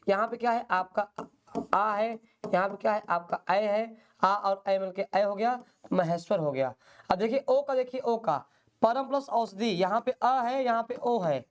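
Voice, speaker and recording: A man's voice: high-pitched, a little hiss or hum. A male teacher giving an online exam-prep lecture, patiently explaining and drilling by repeating questions and answers.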